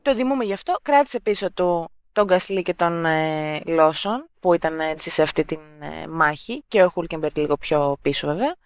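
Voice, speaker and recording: A woman co-hosting a casual podcast chat about motor racing, easygoing and quick to laugh. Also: low-pitched, expressive, smooth, no room sound. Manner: giggly, easygoing. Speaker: podcast co-host.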